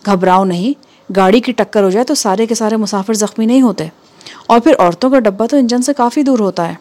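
This is a woman reading the part of a calm, practical mother in a told story. She talks in a steady, reassuring way with a firm edge. She sounds close to the narrator's own voice. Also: fairly high pitch, close to an everyday voice. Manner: soothing yet firm.

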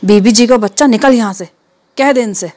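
A woman's voice: a little high, close to an everyday voice. A woman reading the part of an irritable, ailing husband who grumbles and snaps sharply. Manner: grumbling, sharp-tongued, fussy. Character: ailing irritable middle-aged husband, Mian.

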